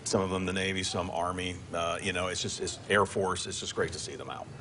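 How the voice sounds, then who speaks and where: Fast-talking low-voiced man, parade commentator. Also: fairly even intonation, fairly bright tone, slight background noise. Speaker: parade broadcast co-host. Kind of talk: conversational live parade commentary.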